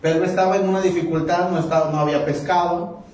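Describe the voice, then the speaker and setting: A man preaching with a fairly high voice, passionate and dramatic, acting out the people in his story. He sounds far from the mic, and his words ring in a very echoey church hall. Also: steady tone, fast talker, a little mellow, a little hiss or hum. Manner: impassioned preaching, acting out quoted dialogue. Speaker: pastor. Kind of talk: sermon.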